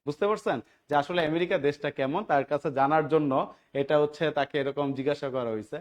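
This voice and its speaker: High-voiced male Bangladeshi English tutor. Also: fast. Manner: keeps asking the class short check questions and answering them himself; grows louder and more emphatic while stressing points. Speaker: teacher. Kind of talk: English grammar lesson for job exam students.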